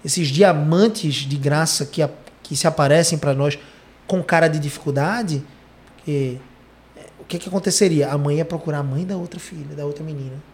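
A man hosting a conversational podcast, telling stories with lively emphasis. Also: on the high side, moderate pace, a little hiss or hum. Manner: animated storytelling, lively emphasis. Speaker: podcast host.

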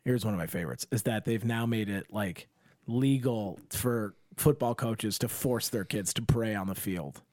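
A young man and former high school coach, co-hosting a podcast in casual chat, rambling and swearing while acting out quotes. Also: normal speed, darkish tone. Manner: rambling, profane, acts out quotes.

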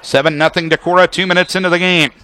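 A fast-talking man with a bright, high voice handles live radio play-by-play of football. Clipped phrases sketch the formations and action, his projected, forceful broadcast tone rising into excited calls whenever a big play happens.

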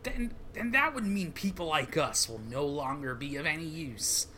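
A man's voice: a little high, expressive, bright, forceful tone, slight background noise. A man reading as a grim, stoic soldier. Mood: cold. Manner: stiff, solemn, measured delivery. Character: grim, stoic adult male soldier-assassin. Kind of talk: manga read-along voice acting.

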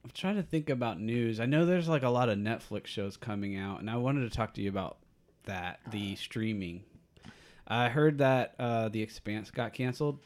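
A man's voice: mid-range voice, normal speed. A man co-hosting a casual podcast, joking and teasing his partner. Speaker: podcast co-host. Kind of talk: casual chat.

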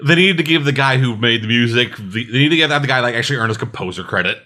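A man trading dry, profane wisecracks in a casual movie commentary. His voice is bright and forward, with a lively rise and fall. He delivers his jokes flatly and keeps them short. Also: mid-range voice, very fast. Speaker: podcast co-host.

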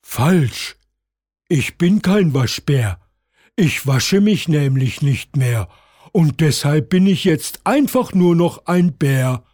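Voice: medium pitch, expressive, takes it slowly, dark tone, husky, dry recording, studio quality. Cheeky young raccoon for a children's audiobook, eager and bouncy, voiced by the narrator. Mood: triumphant. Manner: eager, calling out. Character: cheeky little male raccoon who wants to be a bear. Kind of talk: storybook character voice.

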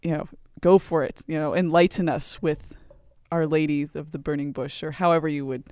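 A woman's voice: low-pitched, steady tone, brisk, dark tone, no room sound. Woman host, casual and reflective conversational delivery, dry sound with no room. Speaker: podcast host.

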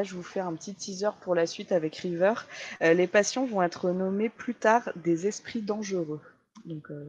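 A woman's voice: lowish voice, darkish tone, dull audio. A woman hosting a casual talk show, chatting with many hesitations and fillers as she introduces a haunted place. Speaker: host.

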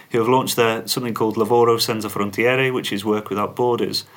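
A man speaking as a company spokesman on a podcast, giving measured, businesslike interview answers. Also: lowish voice, a bit bright. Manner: measured, corporate, uses fillers.

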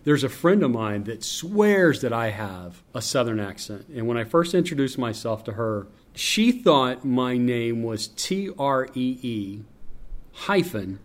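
A man with a deep voice, a public address announcer from North Carolina, telling stories in an interview. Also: animated, unhurried, hardly any pauses. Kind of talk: interview conversation.

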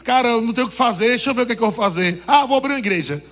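A man's voice: extremely high pitch, expressive, racing, a bit bright. A man preaching a sermon, joking and laughing with the congregation. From Brazil. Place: church hall. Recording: long reverb of a church hall.

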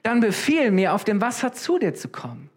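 A preacher voicing the disciple Peter, pitching his voice up and speaking urgently. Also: very animated, normal speed, husky, full character voice. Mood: eager. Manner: high and urgent. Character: frightened adult male disciple Peter.

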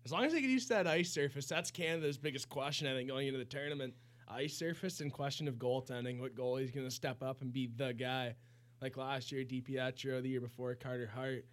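A man co-hosting a casual hockey talk show, speaking in an ordinary mid-range voice. He gives his opinions plainly and at an easy, relaxed pace. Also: medium pitch, fairly quick. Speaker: podcast co-host.

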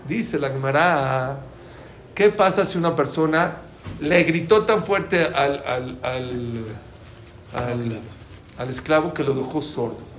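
A man teaching a Talmud class to a live audience, lively and quizzing listeners with questions. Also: mid-range voice, slow, slight background noise. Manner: animated, asks the audience questions. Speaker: Torah teacher. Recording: roomy room with faint ambience.

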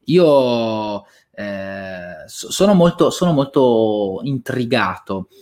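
A man's voice: lowish voice, big pitch swings, slow pace, darkish tone. A man hosting a casual talk show, hesitating as he searches for words. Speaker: host.

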